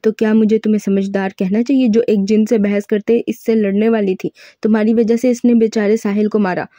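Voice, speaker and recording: A woman voicing a feisty young businesswoman who snaps back in sharp, argumentative retorts. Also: mid-range voice, flat delivery, fairly quick, dry recording, studio quality, close to an everyday voice.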